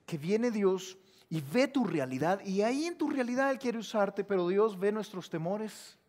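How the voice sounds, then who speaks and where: A man preaching a sermon as a pastor, asking the congregation rhetorical questions and swinging between loud and soft. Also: high voice, animated, moderate pace. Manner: addresses listeners directly, asking rhetorical questions.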